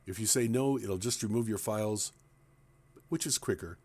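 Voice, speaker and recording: A man's voice: fairly low pitch, moderate pace, darkish tone. A man walking through a computer task step by step in a plain, explanatory screen-recording tutorial. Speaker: tech tutorial presenter.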